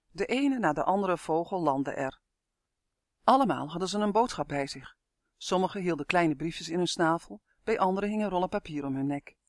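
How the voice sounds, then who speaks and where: A man narrating a fantasy children's book with an expressive reading. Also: on the high side, dry recording, clean studio sound. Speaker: audiobook narrator. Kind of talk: scripted storybook narration.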